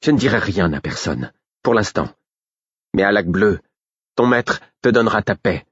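A defiant, sharp-tongued young woman, as a male narrator puts her on spits out mockery in a raised, husky storybook voice. The recording is dull and lo-fi, and the voice sits dry and close. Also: fairly low pitch, animated, normal speed, dry recording. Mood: threatening. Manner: mocking, contemptuous.

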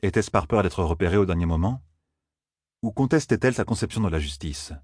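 A man narrating an audiobook in a steady, measured storytelling manner. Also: sits low, husky, no room sound, studio quality. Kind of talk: scripted narration.

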